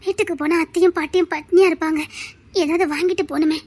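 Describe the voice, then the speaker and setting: A woman playing a poor, hungry young worker who speaks timidly and softly, with a Tirunelveli Tamil accent. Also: extremely high pitch, steady tone, quick pace. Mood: weary. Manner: timid, soft-spoken, begging. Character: poor, hungry young woman working to feed her family. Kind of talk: emotional web-series acting.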